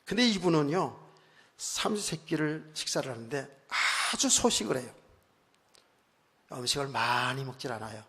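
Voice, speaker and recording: Husky pastor preaching in a hall. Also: male voice, medium pitch, big pitch swings, normal speed, pauses often. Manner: conversational storytelling, frequent "예" and "아멘"; swings from quiet asides to loud emphatic bursts. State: recently worn out and hoarse. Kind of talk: sermon. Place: church sanctuary. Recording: long church hall reverb.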